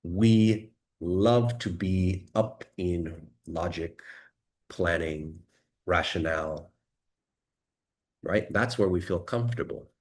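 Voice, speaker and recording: A man coaching listeners, talking calmly and leading them through a slow guided breathing exercise with many questions. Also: sits low. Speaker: dating and confidence coach.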